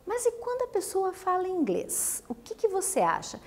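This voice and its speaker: Brazilian woman, English teacher, questioning, animated and high-pitched. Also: normal speed. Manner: lively, asks the students questions. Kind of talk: recorded lesson for students.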